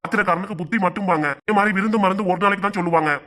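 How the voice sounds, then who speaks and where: A man's voice: sits high, steady tone, racing, pushed and bright. A man voicing an elderly, stubborn and unforgiving father with a Kanyakumari Tamil accent, in a cartoon. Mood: stern. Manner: stern, reproachful.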